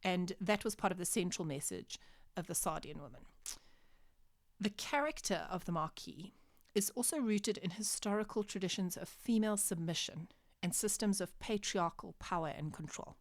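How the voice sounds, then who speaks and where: A woman giving a literature lecture to her students, explaining clearly with measured pauses for emphasis. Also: on the low side, expressive, no echo, studio quality.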